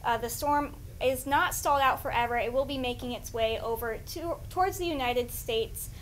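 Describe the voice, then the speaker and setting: A woman anchors a live news update in a fairly high voice. Her delivery is semi-scripted and a little hesitant, with faint noise behind her. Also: normal speed, fairly bright tone, rough recording.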